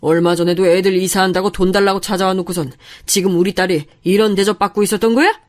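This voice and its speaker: A woman's voice: medium pitch, fairly even intonation, fast, natural voice. A woman voicing a furious older father who confronts his daughter's in-laws in a narrated story. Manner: stern, confronting.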